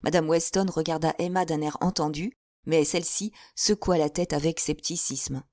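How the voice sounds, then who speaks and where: A woman reading a classic novel aloud in steady, even narration. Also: low voice, moderate pace, dry recording, clean studio sound. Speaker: audiobook reader. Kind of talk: scripted narration.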